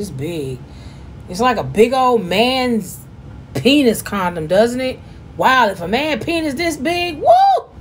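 A woman, chatting loudly and jokingly as she gives a casual demonstration at home. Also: medium pitch, a little hiss or hum. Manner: chatty, joking, loud and animated. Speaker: vlogger giving a demonstration.

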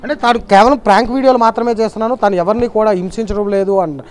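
A man's voice: high-pitched, rapid-fire. A male TV news reporter asks probing interview questions and passes the other side's accusations on to the guest.

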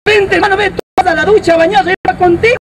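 Rapid-fire and steady in tone, a very high-pitched man with an Ecuadorian accent does rowdy, crude street comedy outdoors, calling his listeners "brother". The recording is from a distant mic with heavy crowd and street noise.

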